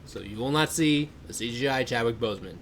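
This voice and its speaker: A man in his twenties co-hosts a casual podcast, talking briskly in a mid-range voice. He rambles, uses plenty of fillers, and laughs a lot, with slight background noise audible.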